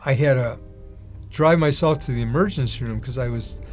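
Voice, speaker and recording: Man, middle-aged, personal testimony, lively storytelling, medium pitch, faint music underneath. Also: normal speed. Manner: animated storyteller, acts out quoted dialogue. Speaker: testimony speaker.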